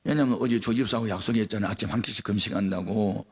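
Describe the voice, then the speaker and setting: A man pastor preaching a revival sermon, telling a story in a folksy way that builds into fervent preaching, with big swings in pitch and loudness. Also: fast, slightly rough.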